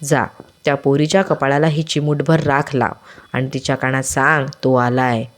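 Brief: old beggar holy man, serene and gently mocking, devotional storybook reading, narrator doing the voice. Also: medium pitch, moderate pace, natural voice. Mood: calm, teasing. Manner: calm, gently teasing.

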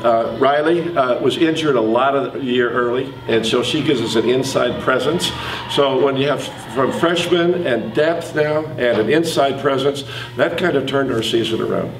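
A man in his sixties, a basketball coach, answering press conference questions in an easygoing, chuckling way with many filler pauses. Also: medium pitch, noisy background. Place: indoor press conference room. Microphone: table mic from a distance. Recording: echoey room, distant mic.

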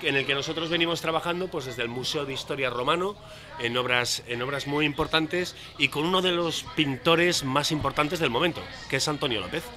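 A man's voice: fairly high pitch, a little fast. A young man, a publisher's representative, speaking in a street interview at an outdoor book fair stall, fluent but with frequent fillers. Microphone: handheld reporter mic.

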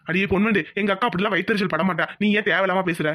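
A woman's voice: medium pitch, racing, a bit bright, close to an everyday voice. A woman voicing a grumbling, scolding middle-aged village husband in a cartoon.

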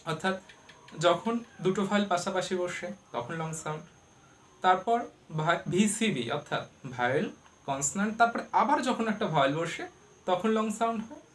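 A woman's voice: lowish voice, lively intonation, moderate pace. A woman teaches English pronunciation in a patient lesson. She poses questions to her viewers and answers them herself. She explains each rule with everyday family comparisons.

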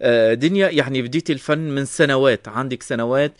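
A man's voice: mid-range voice, fast, no room sound, studio quality. A man with a Tunisian Arabic accent hosting a live radio interview, chatty and welcoming. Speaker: radio host. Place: radio studio.

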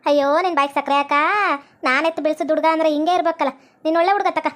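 A woman playing a meddling, deaf old village woman in a comic family skit, with a North Karnataka Kannada accent and a shrill, nagging, melodramatic way of talking. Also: steady tone, racing, close to an everyday voice. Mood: indignant.

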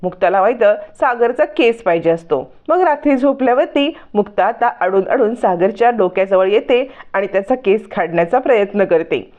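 A woman's voice: normal speed, hardly any pauses. Woman narrating a serial recap over a tinny line. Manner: lively, voices the characters' lines with raised pitch. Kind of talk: storytelling recap with acted quotes. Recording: narrow phone-like sound.

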